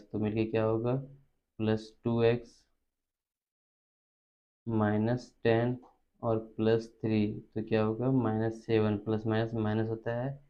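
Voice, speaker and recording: A man with an Indian accent and a warm, lowish voice teaches maths step by step, repeating terms as he works through it instructionally. The recording is dull and lo-fi.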